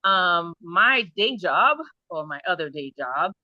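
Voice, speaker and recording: A middle-aged woman from Haiti, answering interview questions earnestly and thoughtfully, often pausing to rephrase. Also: on the low side, expressive, dry recording, lo-fi sound. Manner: earnest, thoughtful, with light laughs and restarts. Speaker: nonprofit founder and program director.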